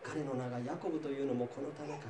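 A man's voice: medium pitch, steady tone, racing, distant mic, lightly acted. A man reading the lines of a young elder son who pleads and grows bitter. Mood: pleading. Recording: roomy, voice from off-mic, faint noise.

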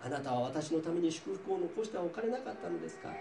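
A man's voice: fairly high pitch, animated, quick pace, far from the mic, pitched above the performer's own voice. A man reading the lines of a young elder son who pleads and grows bitter. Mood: pleading. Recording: roomy, voice from off-mic, faint noise.

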